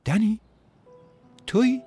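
A man voicing a young woman who pleads softly and tearfully with her lover in an audiobook story. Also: slightly rough, soft background music. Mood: bewildered, sad. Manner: high, soft, pleading.

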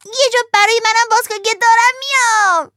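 A woman's voice: extremely high pitch, expressive, pushed and bright, no room sound, clean studio sound, pitched above the performer's own voice, exaggerated voice. A woman voicing a naive, eager wooden puppet boy in a storybook reading, pleading and breathless. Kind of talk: storybook narration.

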